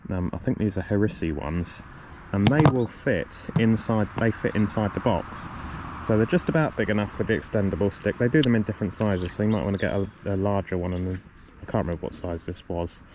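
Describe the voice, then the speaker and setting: A man with a fairly low voice walks through his fishing kit in a loose, rambling way, full of ums and self-corrections. He has a bit of a cough. Recorded outdoors, with clear background noise behind him. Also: a little fast. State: coughing a lot. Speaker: fishing vlogger. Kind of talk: casual gear walkthrough. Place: outdoors on a riverbank.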